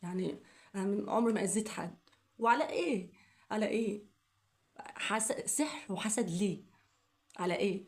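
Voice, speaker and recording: This vlogger is a young woman whose mid-range, slightly mellow voice carries an Egyptian Arabic accent. She talks fast but leaves long pauses, pleading and upset in a personal, emotional vlog as she asks the same questions again and again between fits of coughing.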